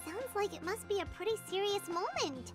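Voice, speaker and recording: Paimon, extremely high squeaky fairy. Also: female voice, lively intonation, normal speed, faint music behind. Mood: concerned. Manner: refers to self in third person, cutesy. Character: tiny childlike female fairy companion, chirpy and excitable. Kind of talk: video game voice acting.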